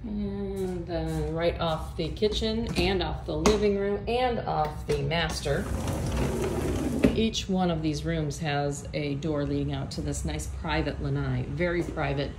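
A deep-voiced woman realtor from Florida casually narrates a tour of an empty condo, cheerful and full of fillers, walking room to room with her phone camera in hand. The bare rooms sound echoey, and background noise is present.

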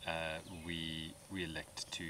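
A man's voice: a bass voice, slow pace. An Australian man in his thirties, talking easygoing and casual with plenty of fillers as he vlogs a camping trip from a bush campsite. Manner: relaxed, easygoing, with frequent fillers. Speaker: camping vlogger. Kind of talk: casual vlog narration. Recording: outdoor recording with insect noise. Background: insects and crickets in the bush.

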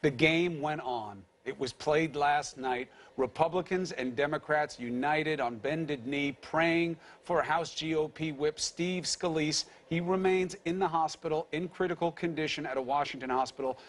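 A man anchoring a morning news show, with measured, earnest delivery. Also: on the high side, fairly even intonation.

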